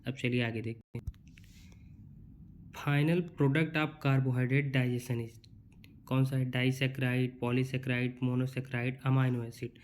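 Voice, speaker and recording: A young man teaching an exam-prep lesson, reading each question out slowly and then explaining it in a casual, repetitive way. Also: mid-range voice, little pitch movement, slight background noise.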